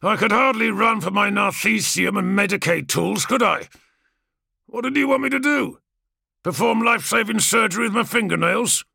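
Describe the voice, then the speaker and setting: A man's voice: high-pitched, moderate pace, creaky, no room sound, clean studio sound, voice pushed up, full character voice. A man voicing a brash, mocking male superhuman gladiator who taunts with sarcasm. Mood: brash taunting. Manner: taunting, sarcastic, rising to shouts.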